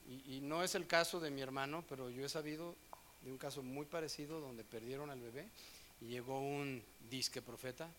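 A man preaching a sermon, telling stories with swings from hushed scripture reading to loud animated moments. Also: medium pitch, moderate pace, a little hiss or hum.

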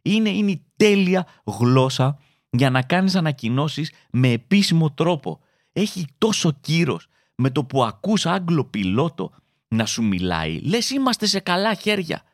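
A man's voice: dry recording, clean studio sound. A young adult man doing a comedic monologue, acting out quoted voices as he tells stories. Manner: animated, acts out quoted voices with big pitch jumps. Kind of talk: stand-up style comedic monologue.

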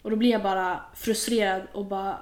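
Animated young woman, roomy echo. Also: mid-range voice. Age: young adult. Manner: animated, quotes people in lively voices. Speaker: guest. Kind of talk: casual conversation.

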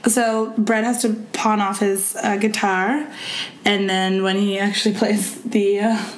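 A woman's voice: medium pitch, little pitch movement, measured pace. A woman co-hosting a podcast in a bubbly, rambling, joking chat. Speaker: podcast co-host. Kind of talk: casual chat. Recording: roomy echo.

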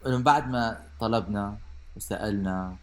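A man's voice: on the low side, brisk. A man with a Levantine Arabic accent co-hosting a podcast, chatting casually in a joking, playful way. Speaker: podcast co-host. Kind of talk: casual bantering chat.

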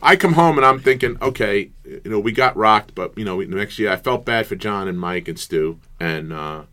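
Middle-aged guy, deep low voice, ex basketball player telling stories on a podcast, gets real animated. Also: moderate pace. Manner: animated storyteller, acts out quotes loudly. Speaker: guest, former college basketball player. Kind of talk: storytelling interview chat.

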